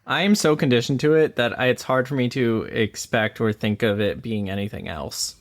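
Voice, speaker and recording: A man's voice: medium pitch, normal speed. A man co-hosting a casual chat, speaking in an easygoing, matter-of-fact way. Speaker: podcast co-host.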